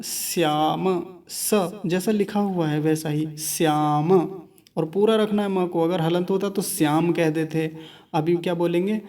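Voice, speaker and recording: A man teaching the pronunciation of a Vedic mantra, explaining each word and then repeating its syllables slowly and deliberately. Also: sits high, mellow. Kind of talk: slow, careful pronunciation lesson.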